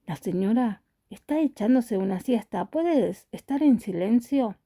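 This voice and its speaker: A woman's voice: lively intonation, measured pace, warm tone. A woman reading aloud and voicing a stern male guard who speaks firmly and curtly. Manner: firm, low, curt.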